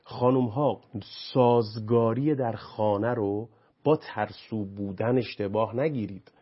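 A man's voice: on the low side, breathy edge, muffled recording. A man who teaches anger management, explaining his ideas in a talk-show conversation. He keeps asking and answering his own rhetorical questions and grows emphatic as he lists examples.

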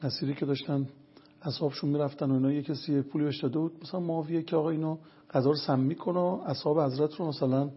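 A man appears as a guest lecturer on religion and health, laying out earnest points one at a time and telling stories to illustrate them. His voice is fairly high and husky with fairly even intonation, and the recording sounds muffled.

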